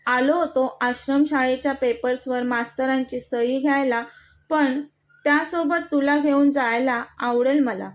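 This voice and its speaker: A woman's voice: high-pitched, steady tone, unhurried. A woman voicing an arrogant, menacing young male villain who taunts and threatens in a storybook reading. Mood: taunting. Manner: mocking, threatening.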